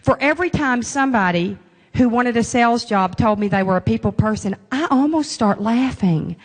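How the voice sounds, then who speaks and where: A woman sales trainer giving a live conference talk, chatty and lively, laughing often and playing to the audience. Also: a little high, normal speed, long reverb tail. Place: conference room.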